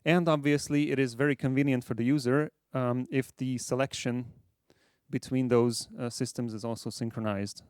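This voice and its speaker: A man's voice: mid-range voice, steady tone, smooth, no room sound, studio quality. Hungarian-born man giving a technical talk. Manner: measured, explanatory, with frequent fillers. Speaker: software architect presenting at a conference. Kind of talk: conference talk.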